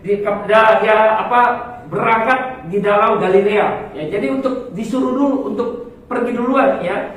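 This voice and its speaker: A man preaching a sermon and leading a Bible reading, halting, with many fillers and corrections. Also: high voice. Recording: echoey hall from far off.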